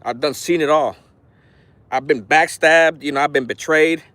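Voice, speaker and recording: A man's voice: a little high, fairly even intonation, moderate pace, a bit bright, dry recording. Blunt rambling man in his forties. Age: 40s. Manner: rambling, frank, swears freely, tough talk. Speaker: RC hobby vlogger. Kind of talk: casual livestream chat. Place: outdoors near an orchard. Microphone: phone.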